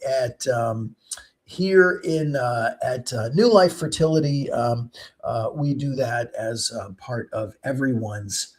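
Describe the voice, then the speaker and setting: A man's voice: medium pitch, slow. A middle-aged man, a fertility doctor hosting a live question-and-answer stream, explaining things in a chatty way with many ums and uhs.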